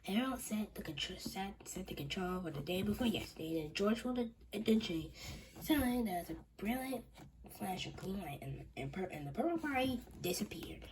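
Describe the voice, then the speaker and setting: A woman reading a children's book aloud, halting with frequent restarts. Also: mid-range voice, very animated, darkish tone, slight background noise.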